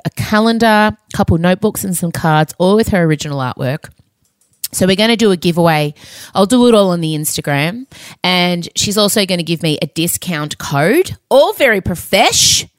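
A woman's voice: lowish voice, lively intonation, normal speed, no echo. Female podcast host, Australian accent, candid and cheeky, effusive casual delivery, close dry home recording. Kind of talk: casual solo podcast chat.

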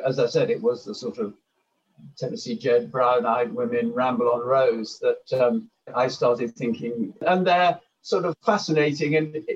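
A man with a husky, mid-pitched voice reminisces as an interviewee. He talks casually and haltingly, full of fillers, and the recording is dull and lo-fi. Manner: hesitant, frequent "you know" and ums.

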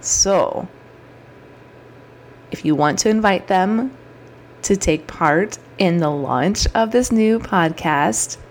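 Speaking at a medium pitch and a slow pace, this woman pauses often as she runs her own podcast alone. She's in her thirties, cheerful and chatty, though her throat comes across slightly scratchy and froggy.

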